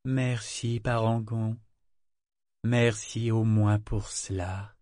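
A man voicing a gentle, troubled young woman bead maker in an audiobook, speaking softly, slowly and searchingly. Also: fairly low pitch, fairly even intonation, no echo, studio quality. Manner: soft, slow and searching.

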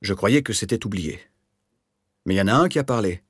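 A man's voice: lively intonation, a little fast, husky, dry recording, clean studio sound. A man voicing an anxious, touchy middle-aged rentier in an audiobook, speaking in a raised, agitated voice. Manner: agitated, defensive, raised pitch. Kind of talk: audiobook character voice.

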